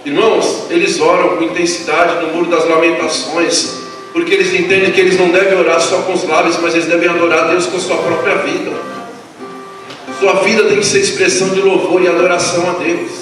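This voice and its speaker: A male pastor preaches with a high, urgent voice that climbs into shouts. He is recorded from a distance in a church whose long reverb rings around every phrase. Clear music plays underneath. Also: level tone, fairly quick. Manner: impassioned, rising to shouts. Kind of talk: sermon. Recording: echoey church hall, mic far off, music behind.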